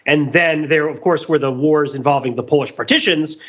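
A podcast co-host chats casually, wandering off on tangents as he hunts for the right words. His voice is a little high and somewhat bright, moving at a normal pace, though the recording's highs are cut off.

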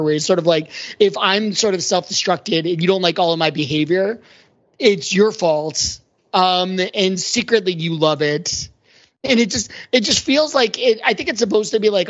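This lo-fi clip has a woman with a fairly low voice chatting as a podcast panelist about song lyrics she's critiquing. She keeps it conversational and hedges her opinions, with frequent "like" and "sort of."

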